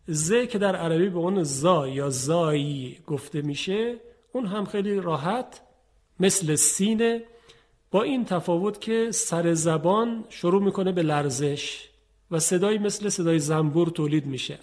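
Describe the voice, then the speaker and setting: Brief: male tajweed teacher, patient explainer, slightly high voice, demonstrates sounds. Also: darkish tone. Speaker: Quran recitation teacher. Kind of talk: instructional radio lesson on tajweed.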